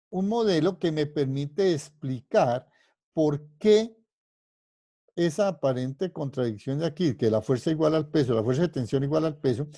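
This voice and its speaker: Mellow-voiced male physics lecturer, rather high. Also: no echo, studio quality. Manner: explanatory, constantly checking understanding with questions; rephrases and restarts mid-sentence while thinking aloud. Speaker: physics professor. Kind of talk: university lecture.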